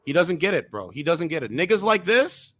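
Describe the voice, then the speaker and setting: A man in his thirties hosting reaction commentary, lecturing in a heated, preachy way with sudden loud outbursts. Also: a little high, very animated, a little fast. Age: 30s. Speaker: commentary channel host.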